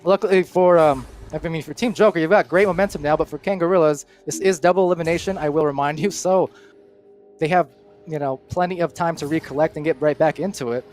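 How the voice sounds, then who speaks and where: A man casting a live esports match, calling plays quickly and excitedly with casual fillers, then chatting loosely as host. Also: on the high side, soft background music. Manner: energetic, rapid play-calling with fillers. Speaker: esports caster. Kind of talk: live play-by-play esports commentary.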